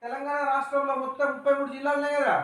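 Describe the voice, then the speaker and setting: A man's voice: very high-pitched, level tone, racing, distant mic, noisy background. Male schoolteacher, Telangana accent, patient call-and-response lesson, recorded from across an echoey classroom. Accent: Telangana Telugu. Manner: patient, explains words and asks questions. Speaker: teacher.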